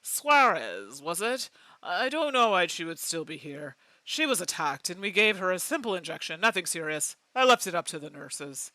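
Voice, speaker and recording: A woman's voice: fairly low pitch, very animated, normal speed, sharp tone, no echo. Aloof male doctor with a pipe, read by a woman, brusque, offhand, dry close sound. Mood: dismissive.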